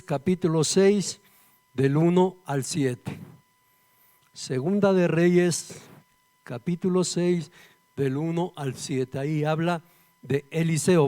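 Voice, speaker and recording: Man, pastor, from Ecuador, sermon, fervent repeated invocations, slightly raised pitch. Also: darkish tone. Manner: preaching with rhetorical questions.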